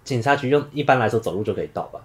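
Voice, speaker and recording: A podcast co-host who chats casually and answers with dry, teasing, deadpan suggestions. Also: medium pitch, very fast. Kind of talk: casual chat.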